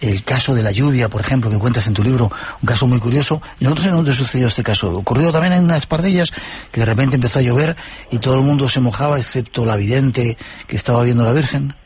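A man hosting a late-night radio interview, briskly reading time checks and prompting his guest. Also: medium pitch, a little mellow, husky. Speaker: radio host.

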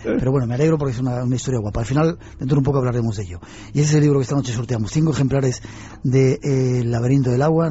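A man's voice: medium pitch, dark tone, a little hiss or hum. A man hosting a radio interview, chatty and informal as he introduces and questions his guest. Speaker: radio host. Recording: dull lo-fi radio broadcast.

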